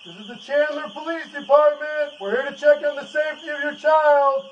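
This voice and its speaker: A police officer, a man, shouting repeated loud commands through a megaphone. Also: extremely high pitch, steady tone, fairly quick, distant mic, highs cut off, slight background noise.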